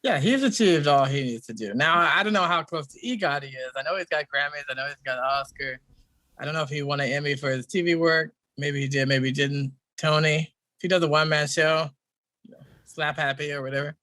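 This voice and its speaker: Bright, sharp-voiced man bantering on a comedy podcast. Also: on the high side, brisk, no echo. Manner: opinionated, argumentative.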